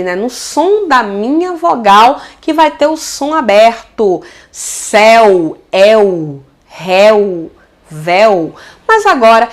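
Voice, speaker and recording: A Brazilian woman teaching a casual video grammar lesson, affectionate and lively, often checking in with her students and drawing out example words slowly. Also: high-pitched. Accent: Brazilian Portuguese.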